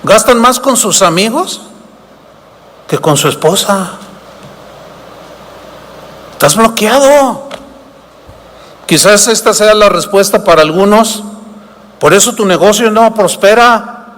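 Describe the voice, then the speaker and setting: Man, pastor, sermon, high-pitched, long hall reverb. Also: animated, slow, long pauses, a bit bright. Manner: preaches with rhetorical questions, acts out dialogues.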